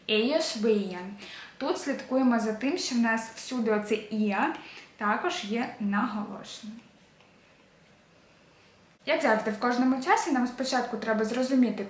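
Lady teacher, kinda high voice, repeats endings slow and patient, echoey room. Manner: patient, drills endings slowly and repeats them. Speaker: Spanish teacher. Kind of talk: explaining a language lesson.

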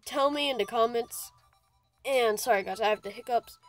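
A woman giving casual gaming commentary as a channel host, chatty and excitable and quick to grumble about the game. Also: on the high side, no room sound, soft background music, rough recording.

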